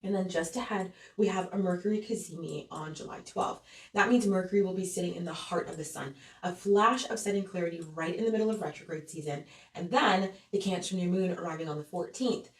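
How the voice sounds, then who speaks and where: A woman hosting a weekly tarot and astrology forecast, talking in an earnest, soothing way and often checking in with a gentle "okay?". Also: on the low side, a little fast. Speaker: tarot reader and astrology host. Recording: roomy echo, voice a bit far from mic.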